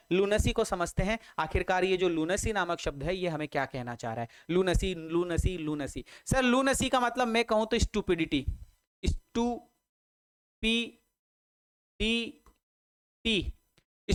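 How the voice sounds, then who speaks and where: A man with a high, smooth, resonant voice runs an online vocabulary lesson. He drills each word over and over and spells it out letter by letter. Playful memory tricks and eager check-ins with his students keep it moving. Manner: jokey mnemonics, calls students his children and his army. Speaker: English vocabulary teacher.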